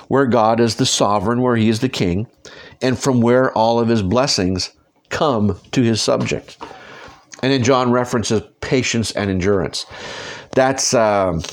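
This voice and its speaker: A man leading a Bible study from his podcasting microphone. His pitch sits in an ordinary middle range, and he talks directly to his listeners, checking in with them as he reads and explains. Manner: conversational, direct, asks listeners to follow along.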